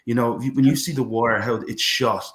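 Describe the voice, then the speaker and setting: A man's voice: medium pitch, steady tone, brisk, fairly bright tone. A man, a filmmaker guest on a video call, earnestly describing his vision and searching for words. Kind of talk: casual interview chat.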